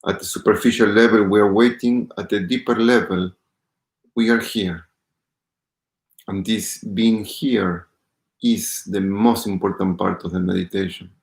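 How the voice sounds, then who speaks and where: A meditation teacher, a man with a low voice and a gravelly edge, talks calmly and without hurry. He greets the people joining and eases into the session. The sound is roomy, with plenty of echo around him. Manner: calm, unhurried, greets viewers by name. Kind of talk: live-streamed guided meditation talk.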